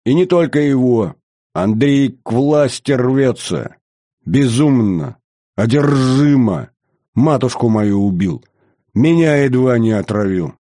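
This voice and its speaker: A man's voice: mid-range voice, animated, takes it slowly, warm tone, no echo, clean studio sound, pitched above the performer's own voice. A man voicing a young prince who coldly and mockingly accuses his grandmother. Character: young prince, cold, scornful and hateful. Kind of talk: audiobook character voice.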